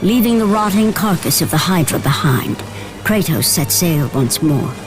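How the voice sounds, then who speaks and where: A woman narrating an epic video game as a grave storyteller of Greek tragedy, measured and dramatic. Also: lowish voice, animated, lightly acted. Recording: orchestral game music behind.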